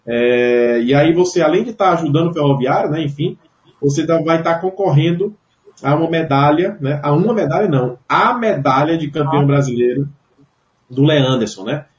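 A Brazilian man casually hosting a sports radio show, talking unscripted in a halting way with repeated words. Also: on the high side, animated. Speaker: host of a football club radio show. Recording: dull, echoey web radio sound.

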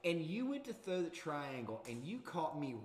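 Animated storytelling man in an echoey room. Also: a little high, moderate pace. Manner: animated, laughing storyteller acting out dialogue. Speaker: podcast host. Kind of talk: casual storytelling chat. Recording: echoey room with long reverb, faint hum.

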